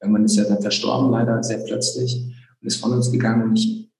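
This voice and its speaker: A man's voice: on the low side, flat delivery, fast talker, a little mellow. A young man telling his personal story in an interview, earnest and reflective, with many fillers. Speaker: guest. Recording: roomy echo.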